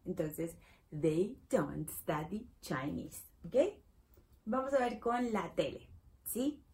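A woman teaching English in Spanish, patient and repetitive, slowing down to model each phrase and breaking into sudden excited exclamations. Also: on the low side. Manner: drawn-out slow model phrases. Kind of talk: playful online English lesson in Spanish.

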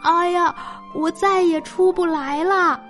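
A woman's voice: sits high, unhurried, faint music behind. A woman voicing a distressed young calf that pleads and wails for help in a storybook tale. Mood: pleading. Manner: wailing and pleading.

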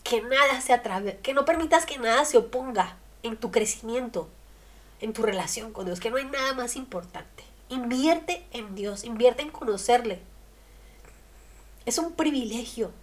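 Woman, radio preacher, higher-pitched voice, emphatic delivery with rhetorical questions. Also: expressive, moderate pace. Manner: emphatic, rhetorical questions, swings loud and soft. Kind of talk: sermon on the radio.

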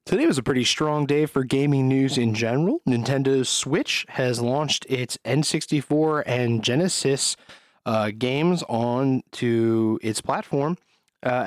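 Relaxed male podcast host. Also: mid-range voice, no room sound. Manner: relaxed, filler-laden delivery. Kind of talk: casual podcast news roundup.

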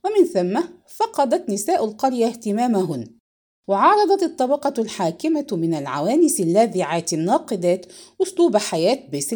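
A woman narrating a novel in a measured, expressive reading. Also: on the high side. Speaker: audiobook narrator. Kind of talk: scripted narration.

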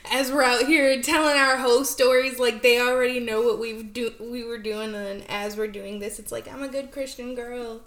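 A woman's voice: a little high, level tone, normal speed, few pauses, fairly bright tone. A young woman co-hosting a podcast in casual chat, blunt and joking and swearing freely. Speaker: podcast co-host. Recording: roomy, faint background noise.

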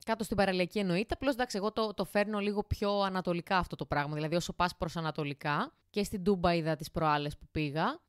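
A young woman in her twenties talks through a casual podcast while she cooks at home. Her voice sits a little low, and the recording is close and dry with no room sound. She rambles chattily, drifts off topic, swears offhandedly and keeps turning to her listeners. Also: no room sound. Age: 20s. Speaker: podcast host. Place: home kitchen, cooking while talking.

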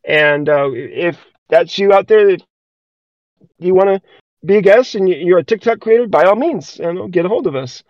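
A man's voice: high-pitched, lively intonation, moderate pace, a little mellow, no room sound. A man co-hosting a podcast, telling a story in a casual, rambling way, full of hesitations and restarts. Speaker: podcast co-host. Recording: dull lo-fi dry recording.

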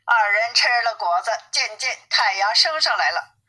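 A woman narrates an audiobook of a classic tale at a steady, clear pace. Her voice sits a little high and sounds bright and forceful. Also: normal speed, low-quality recording. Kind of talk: audiobook story reading.

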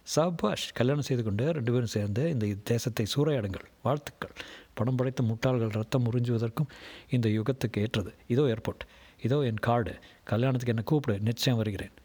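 A man's voice: mid-range voice, fairly quick, warm tone, slightly rough. A man voicing a cynical middle-aged businessman in an audiobook, lecturing in a preachy tone. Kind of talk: audiobook narration.

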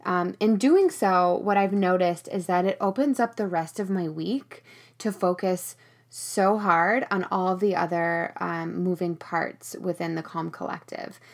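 A woman's voice: on the low side, unhurried. A woman hosting a podcast in a casual, chatty monologue, recorded in a small storage room with rain on the tin roof. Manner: chatty, conversational. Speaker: podcast host.

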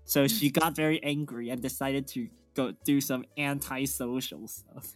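A young man, chatting on a podcast and telling a school story in a loose, conversational way. His voice has a mid pitch. Quiet music plays underneath. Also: fairly even intonation, moderate pace. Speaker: podcast co-host. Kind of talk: casual chat.

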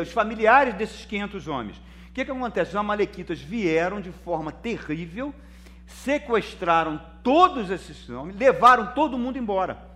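A man with a Brazilian Portuguese accent preaching a sermon as pastor, swinging between loud emphasis and soft, calling listeners brother. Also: high voice.

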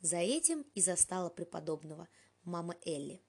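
Husky woman reading an audiobook. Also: fairly low pitch, very animated, normal speed, a little mellow. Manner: dry, ironic first-person storytelling. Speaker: audiobook reader. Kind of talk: audiobook narration.

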